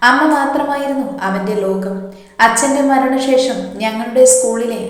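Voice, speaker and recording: A woman narrating a first-person story in a calm, measured way, her sentences softly trailing off. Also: high voice. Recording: echoey room with long reverb.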